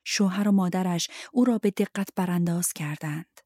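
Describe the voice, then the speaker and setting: A woman reading a novel aloud in a steady, even storytelling manner. Her voice sits low for a woman. The recording is dry and close. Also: no echo. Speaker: narrator. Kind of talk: audiobook narration.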